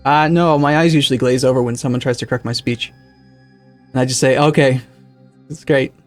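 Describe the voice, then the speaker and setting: Over faint music, a man chatters casually on a live stream while setting up a game, rambling, correcting himself, and reading and replying to chat. His mid-range voice is a little fast with fairly even intonation.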